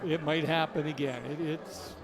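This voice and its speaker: Man, slightly high voice, casual baseball play-by-play, conversational. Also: steady tone, normal speed, creaky, crowd noise. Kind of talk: casual conversational sports commentary.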